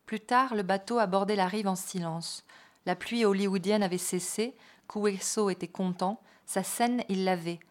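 Woman reading a novel out loud, expressive, drops little side comments now and then, middle pitch. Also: normal speed. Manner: expressive reading with brief spoken asides. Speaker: reader.

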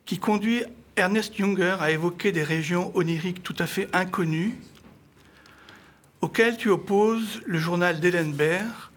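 A middle-aged man presenting an author's book to an audience in formal, literary phrasing, with halting, hesitant delivery and a husky voice. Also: high voice, a bit bright. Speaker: speaker introducing an author's book. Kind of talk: semi-prepared public book presentation.

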